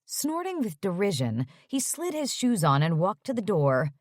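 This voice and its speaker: A woman narrating an audiobook romance in a slow, expressive reading. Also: medium pitch, no room sound, studio quality. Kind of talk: scripted narration.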